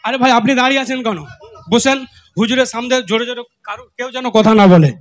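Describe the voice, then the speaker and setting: A male organizer on a public address microphone at a village gathering, pleading again and again for the crowd to sit down and stay quiet. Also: very high-pitched, fast talker.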